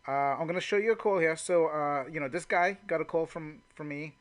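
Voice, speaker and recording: Briskly and in a slightly high voice, a male network marketing trainer talks through call examples off the cuff. He keeps it conversational and unscripted, dropping "you know" often.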